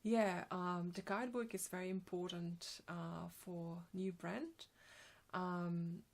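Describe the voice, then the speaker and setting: A woman in her forties from Slovenia, with a Slovenian accent, answering interview questions about her design work with many pauses and ums. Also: lowish voice, fairly even intonation, creaky. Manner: hesitant, many ums and restarts. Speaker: graphic designer, guest.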